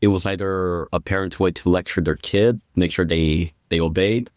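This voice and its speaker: A man from Guatemala, a guest telling about his upbringing in a relaxed, rambling way with plenty of fillers. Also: sits low, normal speed, no room sound, studio quality. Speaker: guest storyteller. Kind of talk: casual interview chat.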